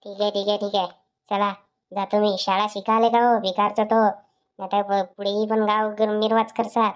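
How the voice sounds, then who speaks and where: A woman's voice: medium pitch, level tone, clear, resonant tone, dull audio, close to an everyday voice. A woman voicing a grumpy grown village man. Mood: preachy advice. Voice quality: scolding, coarse, rapid grumbling.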